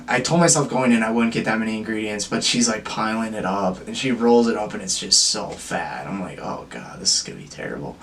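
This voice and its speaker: A man's voice: fairly low pitch, a bit bright, distant mic, a little hiss or hum. A young man telling a rambling personal story to the camera, constantly saying "like" and "dude". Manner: filler-heavy, says like and dude constantly. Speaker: vlogger.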